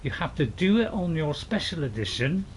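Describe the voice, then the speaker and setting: Brief: male gaming host, chatty rambling commentary with excited outbursts, slightly high pitch. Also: normal speed, slight background noise. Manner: chatty and rambling, with sudden loud excited shouts. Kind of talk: casual gameplay commentary.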